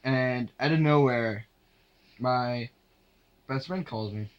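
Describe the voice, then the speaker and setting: Speaking to camera, a young man tells a casual anecdote in a halting, sweary way, acting out the dialogue as he goes. His voice is mid-range, and the recording sounds muffled.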